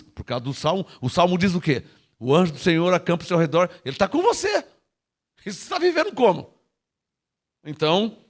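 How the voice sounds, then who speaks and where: Male pastor with a Brazilian accent, high-pitched and highly animated, emphatic sermon delivery with calls for congregation response. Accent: Brazilian Portuguese.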